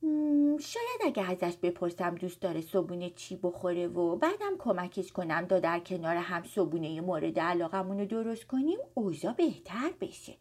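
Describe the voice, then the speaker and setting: A woman's voice: high voice, expressive, hardly any pauses, fairly bright tone, pitched above the performer's own voice. Woman doing a grumpy young schoolboy. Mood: thoughtful. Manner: petulant, complaining. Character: schoolboy, grumpy older brother who turns kind.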